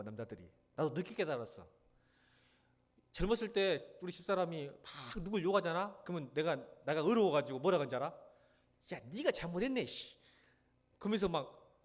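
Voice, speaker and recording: A middle-aged male pastor preaching in a church, talking conversationally and mimicking people with playful, rough slang. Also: a little high. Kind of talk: sermon. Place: church sanctuary.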